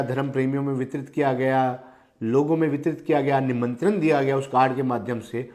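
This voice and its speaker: Male local news presenter, emphatic delivery, repeats phrases for stress, mid-pitched voice. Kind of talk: spoken news commentary.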